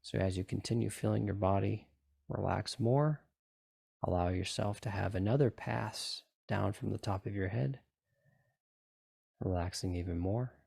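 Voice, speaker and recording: A low-voiced man with a noticeable creak leads a guided relaxation session. He coaxes listeners through repetitive, step-by-step instructions and checks in with brief questions. The sound is dry and free of room echo. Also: moderate pace, mellow. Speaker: group session leader guiding tapping and relaxation.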